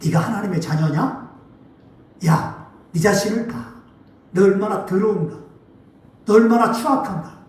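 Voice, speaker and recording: A man's voice: high voice, unhurried, long pauses, darkish tone. A man voicing a taunting male devil who scornfully accuses a sinner. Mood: sneering. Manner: sneering, scornful, goading. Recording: echoey hall from far off.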